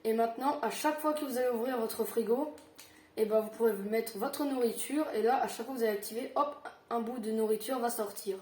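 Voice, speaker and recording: A tired woman giving a casual Minecraft building tutorial, halting with fillers and self-corrections. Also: a little high, a little mellow, roomy sound.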